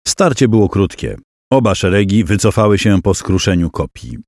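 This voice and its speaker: Low-voiced man narrating a battle audiobook. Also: expressive, moderate pace, no room sound, clean studio sound. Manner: voices characters' shouts and cries within the narration.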